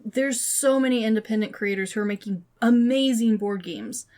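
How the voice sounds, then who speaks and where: With a mellow voice on the higher side, a woman podcast co-host talks at a moderate pace, casually offering her views on games and movies in a loosely phrased, informal way.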